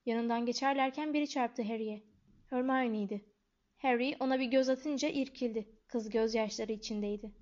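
A woman narrating a storybook in a calm, even reading voice. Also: fairly high pitch. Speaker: audiobook narrator. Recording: dull lo-fi recording.

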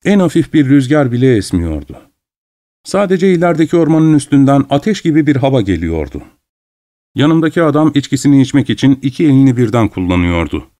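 Man calmly reading a story aloud. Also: medium pitch, no room sound. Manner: calm, measured storytelling. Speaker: narrator. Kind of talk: audiobook reading. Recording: dry close recording.

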